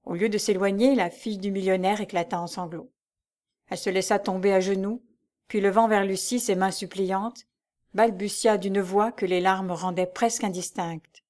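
A woman narrating a classic novel in a steady, composed storytelling voice. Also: mid-range voice, normal speed. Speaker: audiobook narrator.

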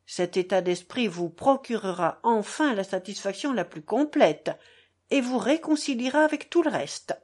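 A woman reading aloud, voicing a resentful young man who speaks with measured, bitter irony. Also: a little high, expressive, darkish tone. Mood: ironic.

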